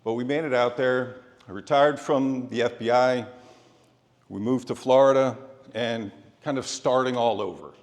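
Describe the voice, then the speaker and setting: A middle-aged man delivering a prepared, sports-themed motivational speech in an earnest, deliberate way, in short phrases with pauses. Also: medium pitch, steady tone. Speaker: motivational speaker. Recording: echoey hall with long reverb.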